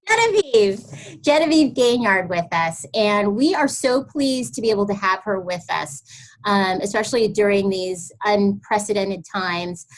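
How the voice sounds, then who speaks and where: A woman hosting an online artist webinar over a video call, introducing her guest effusively with many pauses and fillers. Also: mid-range voice, rough recording. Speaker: host of online workshop. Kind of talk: webinar interview.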